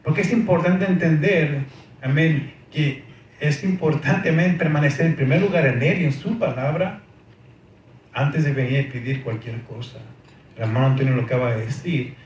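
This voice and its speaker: A man whose voice sits on the high side, a little mellow, preaches at a moderate pace. Emphatic, he asks the congregation rhetorical questions and says "amén" again and again. It's a church hall, very echoey, heard through a distant mic with faint noise.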